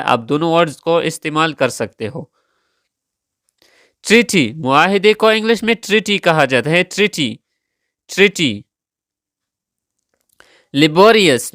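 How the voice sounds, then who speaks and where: A man teaching vocabulary at a very slow, deliberate pace. His voice is smooth and clear, and he repeats each word and spells it out letter by letter. The recording is dry and close, with no room sound. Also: a little high, a bit bright, no echo.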